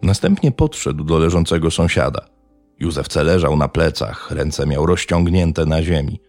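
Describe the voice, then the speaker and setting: A man narrating a true-crime story in a measured, grave tone. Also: extremely low pitch, lively intonation, a little mellow, dry recording, faint music behind. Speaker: podcast narrator.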